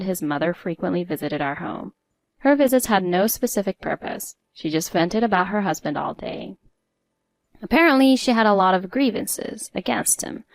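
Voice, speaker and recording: Measured and articulate, a woman with a medium pitch and some vocal fry narrates a scripted personal story. The recording is very dry, with no room sound at all.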